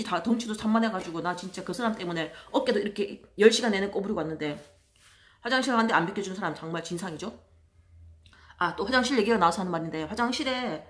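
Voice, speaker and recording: A woman telling stories in a casual monologue, chatty and exasperated, acting out other people in loud voices. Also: medium pitch. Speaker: vlogger.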